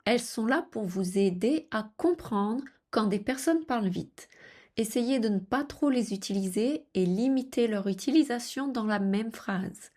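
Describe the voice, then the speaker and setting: A woman teaching French pronunciation, saying example phrases clearly and deliberately and leading repeat-after-me drills. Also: on the high side, lively intonation, a little mellow.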